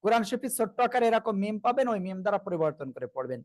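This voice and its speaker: Quran teacher, man, Bangladeshi Bengali accent, higher voice, patient, drills letters with students. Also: sing-song, no echo. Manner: patient, repeats letters slowly and asks students to repeat. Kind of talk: live online Quran reading class.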